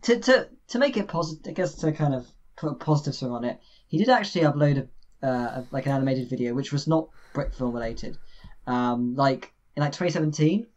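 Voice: medium pitch, expressive, brisk, darkish tone. A podcast host chatting casually, hedging with lots of fillers. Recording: dull lo-fi mic.

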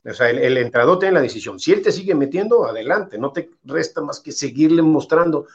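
A man, a former goalkeeper, telling anecdotes in an interview with lively asides. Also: a little high, brisk, dull audio. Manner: animated anecdotes, quotes the coach in character. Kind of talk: casual interview storytelling.

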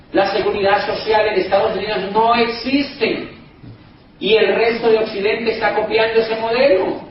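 A man with a high voice delivers a persuasive, insistent speech, hammering points home and turning to the audience again and again. He sounds far from the microphone in a very echoey hall. The sound is dull and carries a faint background hiss. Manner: emphatic, repetitive, keeps addressing the crowd as "señores". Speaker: motivational business speaker. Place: event hall in Madrid.

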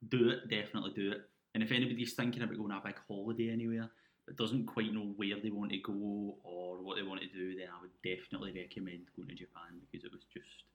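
A man's voice: on the low side, flat delivery, fast talker. A man co-hosting a casual podcast, picked up by a laptop microphone with a muffled, underwater sound. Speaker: podcast co-host. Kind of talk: casual chat. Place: indoors at home.

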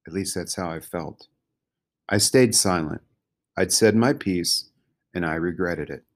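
A man narrating a children's storybook in a gentle, measured way. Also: deep voice. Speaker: audiobook narrator.

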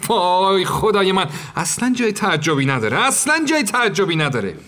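A man's voice: medium pitch, lively intonation, close to an everyday voice. A man playing a stingy, pedantic employer who lectures and counts out money aloud. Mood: indignant. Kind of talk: audio drama acting. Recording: long reverb.

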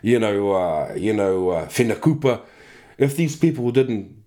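A man's voice: on the low side, animated, measured pace, warm tone. Blunt, sweary middle-aged New Zealand man. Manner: blunt, sweary, punctuated with "you know" and "man". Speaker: interview guest. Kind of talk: casual, candid conversation.

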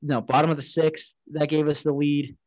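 A man's voice: on the high side, little pitch movement, normal speed, darkish tone, dry recording. A man co-hosting a casual sports chat, recapping plays in a rambling way with lots of fillers. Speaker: podcast co-host.

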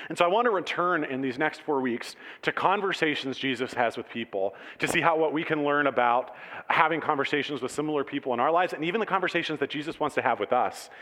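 Laid-back guy preaching, chatty and lively, quizzes the crowd, big echoey hall. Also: medium pitch. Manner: casual and animated, asks the congregation questions. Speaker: pastor. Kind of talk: conversational sermon. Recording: long hall reverb.

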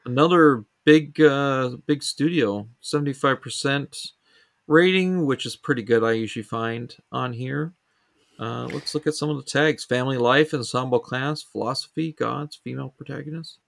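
A man co-hosting a casual podcast chat, animated and reading show blurbs aloud. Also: medium pitch, moderate pace, vocal fry, dry recording. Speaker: podcast co-host.

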